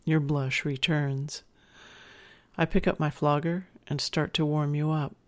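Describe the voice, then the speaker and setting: A narrator speaking as a dominant partner, telling an erotic story to the listener in an intimate, measured way. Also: mid-range voice, flat delivery. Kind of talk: intimate second-person erotic audio narration.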